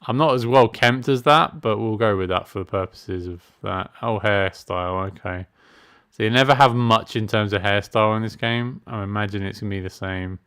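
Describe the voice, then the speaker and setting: This middle-aged man has a fairly low, smooth and fairly bright voice delivered at a moderate pace. He is a gaming streamer offering casual, self-mocking let's-play commentary while reading menus out loud.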